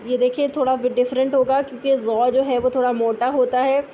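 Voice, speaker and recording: A woman patiently explaining Quran recitation rules, slowly drawing out each example word. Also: high-pitched, little pitch movement. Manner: patient, explanatory, drawn-out filler sounds. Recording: thin phone-like audio with faint hiss.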